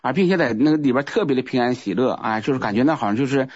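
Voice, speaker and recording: Fast-talking man. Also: mid-range voice, darkish tone, husky, no room sound. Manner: rambling, repeats words, restarts often. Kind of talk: casual spoken testimony. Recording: muffled lo-fi recording.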